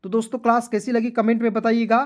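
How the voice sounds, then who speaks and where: A man teaches a video lesson while tired. He spells words out one letter at a time, then pronounces them slowly. He checks in with his viewers often and speaks to them as friends. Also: very high voice, little pitch movement. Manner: keeps addressing viewers as friends, checking "clear?".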